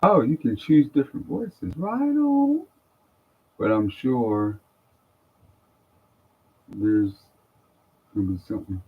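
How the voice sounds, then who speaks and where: A man with a low, slightly husky voice talks offhand to his live viewers as he works out new software. He thinks aloud in a loose, chatty way. The audio is thin and tinny, like a phone line. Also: lively intonation, takes it slowly, long pauses. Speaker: trader streaming live. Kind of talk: casual live commentary.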